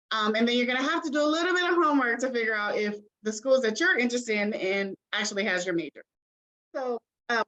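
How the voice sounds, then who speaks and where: A woman's voice: a little high, fairly bright tone, lo-fi sound. Chatty woman leading a video-call info session. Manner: chatty and encouraging, many ums and okays. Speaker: admissions representative. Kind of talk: online information session.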